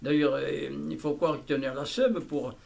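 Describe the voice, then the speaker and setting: An elderly man from southwest France talks casually and haltingly, repeating himself, recorded by a hidden microphone. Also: medium pitch, gravelly, darkish tone. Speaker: interviewee, childhood friend recalling the past. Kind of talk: casual conversation, reminiscing. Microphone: hidden camera microphone. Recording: noisy candid hidden-mic recording, clicks.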